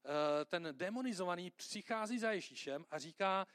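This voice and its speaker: Conversational preacher, a man with a fairly high voice. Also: animated, a bit bright, dry recording, studio quality. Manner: conversational, checks in with listeners. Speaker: pastor. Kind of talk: sermon.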